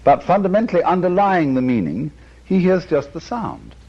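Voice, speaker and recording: A man lectures in a husky voice whose pitch rises and falls freely. He muses aloud, chuckles often and wanders into asides. The recording sounds dull and lo-fi. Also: wildly swooping pitch, moderate pace, darkish tone. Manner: musing, chuckling, with frequent asides. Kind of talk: lecture on art and philosophy.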